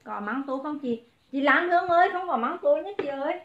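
A woman selling clothes on a livestream, briskly calling out prices and greeting viewers by name. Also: high voice, lively intonation, echoey room, muffled recording, slight background noise. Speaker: online clothing seller. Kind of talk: livestream sales pitch.

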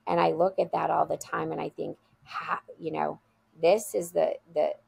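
A woman's voice: low voice, flat delivery, normal speed, vocal fry, darkish tone, husky, dry recording. A woman guest telling heartfelt stories about her school in a casual interview over a video call. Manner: earnest, heartfelt storytelling.

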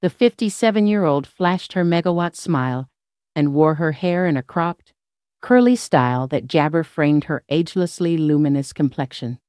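A woman reading scripted celebrity news in an even, flat way with odd stresses. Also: low-pitched, normal speed, no room sound, clean studio sound. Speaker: news narrator.

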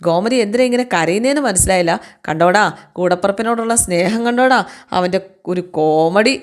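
A woman's voice: medium pitch, a little fast. A woman casually retelling a serial's plot, chatty and acting out the characters' lines. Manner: chatty, acts out quotes with tag words. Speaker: serial recap narrator. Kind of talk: casual storytelling recap.

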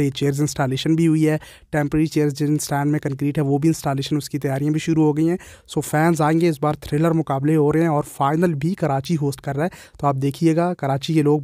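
Male vlogger, rapid flat delivery, dry close voice-over. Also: a little high, no room sound. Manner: chatty, mixes English phrases into Urdu. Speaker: cricket vlogger. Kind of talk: casual voice-over commentary.

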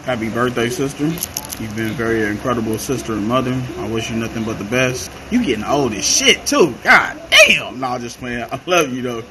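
A man's voice: medium pitch, normal speed. Informal man on a noisy phone video. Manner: teasing, informal. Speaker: brother sending birthday greeting. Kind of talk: casual phone video message. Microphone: phone at arm's length.

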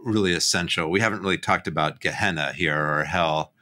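A man's voice: low voice, brisk, pushed and bright. A man co-hosting a casual discussion about scripture on a video call, steadily explaining and building his point. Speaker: podcast co-host, biblical studies professor. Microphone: webcam on a video call.

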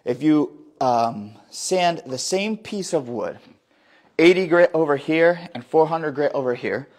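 A man's voice: on the high side, expressive, a little slow. A man in his thirties giving a live hands-on woodworking demonstration in a large workshop, explaining as he works and often restarting his sentences, recorded by a phone camera a few meters away. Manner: explains while working, restarts and self-corrections. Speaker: woodworker doing a live demo. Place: large indoor wood workshop.

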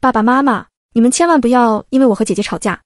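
A woman's voice: fairly high pitch, quick pace, no echo, clean studio sound, close to an everyday voice. A woman voicing a weepy, scheming teen girl. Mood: tearful.

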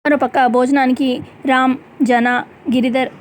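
A woman narrating a TV serial recap in a rapid, chatty storytelling way with repeated fillers. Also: high voice, flat delivery, background noise.

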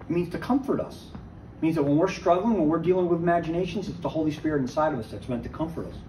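A man with a fairly high voice gives a lively, conversational Bible teaching and keeps asking rhetorical questions. He sounds a little far from the mic, in a roomy church space. A faint hiss sits under the recording. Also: fast. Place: church meeting room.

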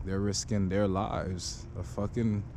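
A man's voice: deep voice, little pitch movement, slow pace. A young man talking casually while walking outdoors on a neighborhood street, holding a 360 camera on a selfie stick, in a laid-back, slangy vlog. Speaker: vlogger. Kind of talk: casual walk-and-talk vlog. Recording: outdoor recording with clear street noise.

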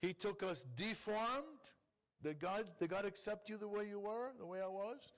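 A man's voice: high-pitched, lively intonation, moderate pace. A man, a rabbi, preaching a sermon to a congregation, asking rhetorical questions, calling for responses and acting out pleading complaints. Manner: acts out complaining prayers in a pleading voice. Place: congregation hall.

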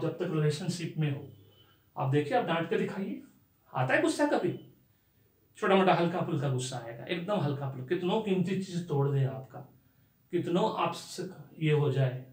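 A male lecturer giving a conversational life-skills lesson, asking rhetorical questions and mixing in English phrases. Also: fairly high pitch. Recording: roomy echo.

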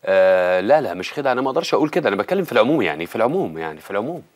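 An actor playing a pompous, evasive expert doctor on a talk show, with an Egyptian accent. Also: male voice, on the low side, big pitch swings, very fast. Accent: Egyptian Arabic. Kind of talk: TV comedy series acting.

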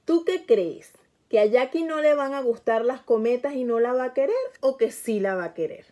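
A woman voicing a gentle mother donkey. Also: high voice, moderate pace, natural voice.

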